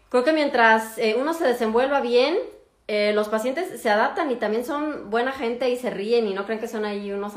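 A woman's voice: medium pitch, echoey room. A woman with a Mexican accent, a doctor chatting casually with viewers in a livestream and acting out what patients say. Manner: chatty, animated, acts out patients' lines. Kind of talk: casual live chat with viewers.

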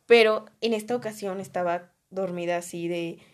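A woman's voice: mid-range voice, moderate pace. A young woman with a Mexican accent, telling a story about her college days in a chatty way, full of slang and fillers. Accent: Mexican Spanish. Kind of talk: casual storytime.

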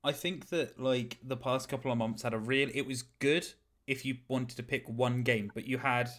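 A man's voice: medium pitch, fairly even intonation, normal speed, a bit bright. A young man guesting on a podcast, chatting casually in a meandering way and laughing easily. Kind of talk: casual chat.

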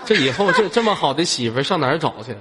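A man's voice: fairly high pitch, expressive, racing, over loud music, a loud crowd. A man hosting a live voice-chat room, teasing and playful as he banters. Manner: teasing, playful, laughs often. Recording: reverberant with loud background noise.

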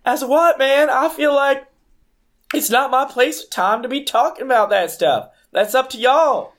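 A man's voice: very high-pitched, moderate pace, a bit bright. A man putting on a boastful Southern plantation owner. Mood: mock earnest. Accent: put-on Southern US, Seinfeld-like. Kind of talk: improvised comedy character bit.

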